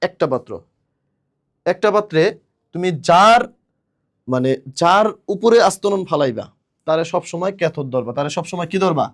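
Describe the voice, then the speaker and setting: Guy teaching chem, kinda high voice, asks the class stuff then answers it himself. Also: animated, moderate pace, long pauses. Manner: asks students questions and answers them himself; chants a mnemonic rhyme in a sing-song voice. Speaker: chemistry teacher. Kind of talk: classroom lecture.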